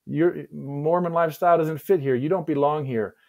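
Thoughtful middle-aged man, slightly high voice. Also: darkish tone. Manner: measured, thoughtful, with frequent restarts. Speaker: guest historian. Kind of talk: conversational interview answers.

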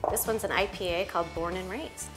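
A woman's voice: fairly low pitch, fairly quick. A woman in her thirties hosting a cooking demo in a studio kitchen, chatty and bubbly, laughing often. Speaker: cooking show host. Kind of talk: casual cooking demo chat. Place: home-style studio kitchen. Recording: studio kitchen with background music.

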